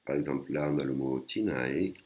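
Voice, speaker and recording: A man teaching a language lesson in a casual way, with many pauses and fillers, explaining patiently and often adding a tag word at the end of his sentences. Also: very deep voice, darkish tone. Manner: hesitant, many fillers and restarts. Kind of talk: casual screen-recorded lesson.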